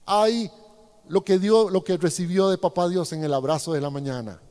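A man's voice: sits high, moderate pace, a little mellow. A man preaching a sermon, speaking directly to his congregation and asking them rhetorical questions. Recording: long hall reverb.

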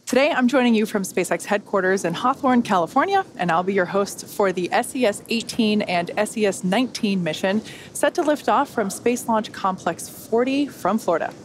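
A woman hosts a live webcast with scripted, explanatory narration. Her pitch sits in the middle range, and there is faint noise behind her. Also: lively intonation, normal speed, few pauses. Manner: clear explanatory presenting. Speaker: webcast host and engineering manager.

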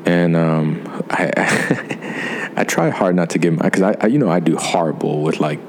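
A very low, hoarse man's voice talks easily as a podcast co-host, joking and chatty. A faint hiss sits under the recording. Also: a little slow. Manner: relaxed and chatty, playful sign-offs. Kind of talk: casual podcast chat.

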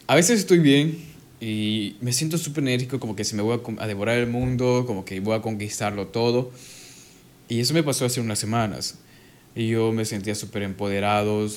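A man's voice: lowish voice, a little hiss or hum. A man talking casually in a conversation, often hesitating and repeating words as he searches for them.

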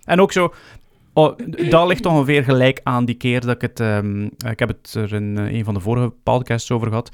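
A man's voice: mid-range voice, clean tone, no room sound, clean studio sound. Hesitant man chatting. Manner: halting, full of restarts and fillers. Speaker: podcast co-host. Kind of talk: casual podcast chat.

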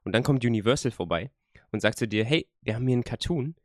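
A man's voice: mid-range voice, lively intonation, fast talker, darkish tone, no room sound, clean studio sound. A man hosting a casual chat, enthusiastic and colloquial as he asks his questions.

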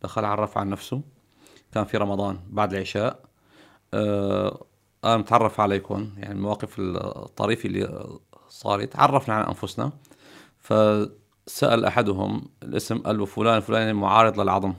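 Middle-aged Syrian-accented man, guest storyteller; low, heavily gravelly delivery. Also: steady tone, fairly quick, long pauses. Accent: Syrian Arabic. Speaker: podcast guest. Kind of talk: recounting memories in conversation.

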